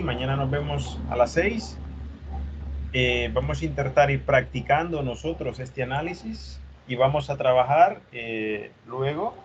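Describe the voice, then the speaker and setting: Male teacher, mid pitch, patient step-by-step explainer, slightly dull lo-fi call audio. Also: a little hiss or hum. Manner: explanatory, checks understanding with frequent "¿ok?". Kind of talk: online class lecture.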